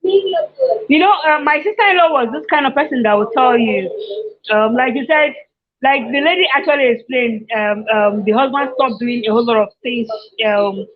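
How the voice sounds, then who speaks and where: A Nigerian woman, a guest sharing her story, tells it in casual conversation, emotional, laughing often and repeating herself. Her voice is high-pitched at a normal speed. The sound is muffled and lo-fi.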